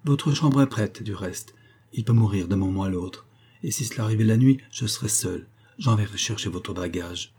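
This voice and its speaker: A man's voice: fairly low pitch, moderate pace, dark tone, breathy edge. A man voicing an anxious young woman whose husband is dying, in a pleading, earnest tone. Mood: urgent.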